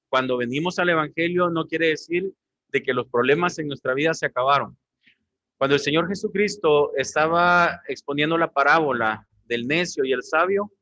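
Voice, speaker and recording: A man's voice: a little high, fairly bright tone, no echo. A man preaching a sermon as pastor, often calling his listeners brothers. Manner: preaching, addressing the congregation as brothers.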